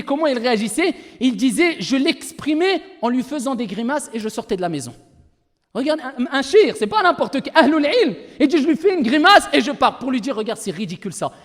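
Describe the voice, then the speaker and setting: A man preaching with a very high voice, rising to loud emphatic bursts and dropping to quiet asides. He threads Arabic religious phrases through his talk. His voice rings out with a long reverb, as if heard in a large hall. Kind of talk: sermon.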